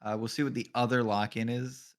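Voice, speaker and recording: A man's voice: mid-range voice, flat delivery, brisk. A man giving casual live commentary on an esports draft as a color caster. He jokes, laughs often and swears offhandedly.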